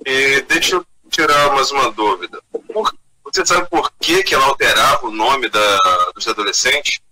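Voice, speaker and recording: Very bright, forceful male interviewer. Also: medium pitch, lively intonation, normal speed, poor audio. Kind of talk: conversational questioning.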